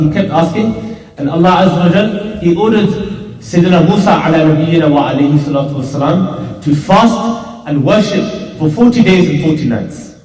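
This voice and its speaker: A man's voice: a little high, a little mellow. A man giving a Friday sermon as imam, emphatic and repeating phrases for stress, in a mosque prayer hall. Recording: echoey hall from far off.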